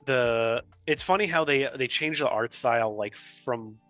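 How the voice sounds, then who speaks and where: A man's voice: medium pitch, a little slow, over music. A man co-hosting a gaming podcast, talking in an enthusiastic, rambling casual chat. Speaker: podcast co-host.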